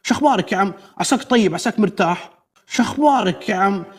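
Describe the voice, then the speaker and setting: A man's voice: high-pitched, animated, a little slow. An actor in a drama clip playing a Saudi man who talks in easygoing local slang with a Saudi Arabic accent. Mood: friendly.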